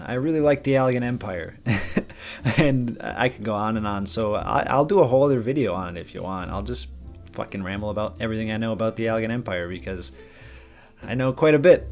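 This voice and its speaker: This gaming channel host, a Minnesotan in his mid-20s, talks loosely and somewhat rambles as he goes through game news and viewer questions. His voice sits on the low side with a darkish tone.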